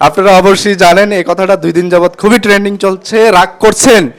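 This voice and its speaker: A man vlogging casually to his viewers, chatty and excited, repeating himself. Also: sits high, fast talker. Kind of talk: casual vlog, addressing viewers.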